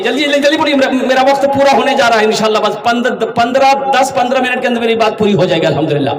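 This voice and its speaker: A man preaching a humorous sermon to a gathering, calling out questions to the crowd and acting out village voices. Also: high-pitched. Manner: acts out village voices in regional dialect. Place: large public gathering. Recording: echoey hall from far off.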